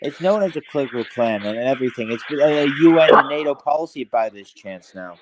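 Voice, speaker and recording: A man's voice: medium pitch, expressive, fairly quick. Blunt man on very noisy audio. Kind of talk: casual live-stream talk. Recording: very noisy stream audio with clicks.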